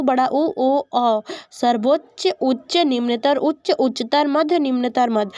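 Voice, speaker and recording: A woman reading out an exam study lesson, listing sounds one by one in a slow, deliberate way. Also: sits high, a little mellow, dry recording. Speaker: teacher reading exam answers.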